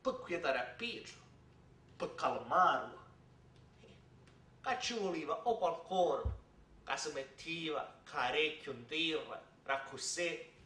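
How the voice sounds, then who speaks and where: A man with a southern Italian, Sicilian accent telling a tale theatrically, with dramatic repetitions and pauses. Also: fairly high pitch, lively intonation, pushed and bright. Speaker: theatre storyteller. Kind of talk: theatrical oral storytelling in Sicilian dialect. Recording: echoey room, distant microphone.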